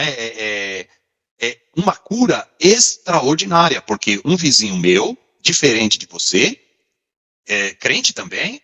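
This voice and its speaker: A man acting as a pastor, explaining a spiritual teaching in a lively, explanatory way. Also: mid-range voice, slightly rough, long reverb tail. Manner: explanatory, animated. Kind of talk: teaching commentary in conversation.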